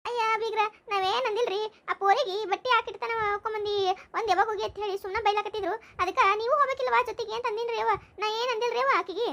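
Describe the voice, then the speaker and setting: A woman voicing a calm middle-aged in-law mother with a North Karnataka accent who tries to placate everyone. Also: extremely high pitch, racing. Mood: placating. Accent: North Karnataka Kannada. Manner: soothing, placating.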